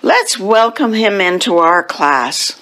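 A woman voicing a brisk grown-up female cat schoolteacher in a children's story, with a cheery, sing-song teacher's voice. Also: mid-range voice, very animated, a bit bright.

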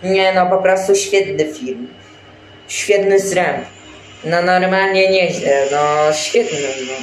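A man's voice: high-pitched, slow pace. A young man casually commenting on a game he is playing, rambling with many fillers and restarts. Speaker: gaming channel host. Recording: roomy echo, faint game music behind.

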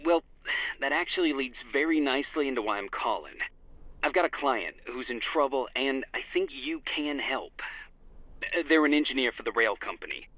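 An actor playing a dry, articulate trial lawyer speaking over a phone call in a video game. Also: male voice, mid-range voice, lively intonation, moderate pace, sharp tone, no room sound. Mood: businesslike. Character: dry, composed male trial lawyer, old friend. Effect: phone call filter. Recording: dull, band-limited phone call.

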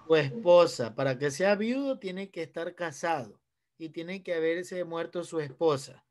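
High-voiced Ecuadorian man teaching a class. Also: lively intonation, a little slow, darkish tone. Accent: Ecuadorian Spanish. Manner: explanatory, asks students questions. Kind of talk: online class lesson.

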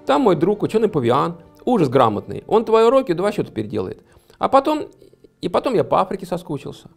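Brief: gentle wistful cloud elephant, read by a man, sighs a lot, lively swooping lines, slightly higher than the narrator. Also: fast, vocal fry, soft background music, full character voice. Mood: playful. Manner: sighing, wistful, humming.

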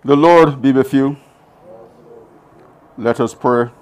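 A man reading burial prayers aloud in a solemn liturgical style, letting phrase ends fall away softly. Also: mid-range voice, takes it slowly, clean tone, low-quality recording. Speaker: officiant.

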